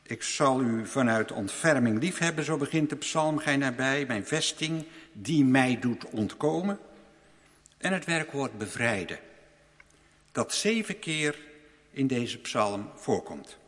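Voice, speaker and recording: A man preaching a sermon in a measured, reflective way, slowing to stress key phrases. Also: mid-range voice, expressive, fairly bright tone, in a large hall.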